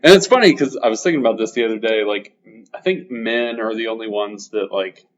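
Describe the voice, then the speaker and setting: A man's voice: fairly low pitch, brisk. A man in his thirties hosting a podcast, teasing and joking with his guest, loose with fillers. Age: 30s. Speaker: podcast host. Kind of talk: casual podcast chat. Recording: muffled podcast audio.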